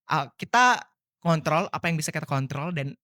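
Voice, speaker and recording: A young student speaking in a relaxed, conversational tone, pitched in the middle range and recorded close and dry. They talk freely, with lots of fillers and easy phrasing. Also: normal speed, no room sound. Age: young adult. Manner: chatty, many fillers like "gitu" and "kayak". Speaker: guest. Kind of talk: casual podcast chat.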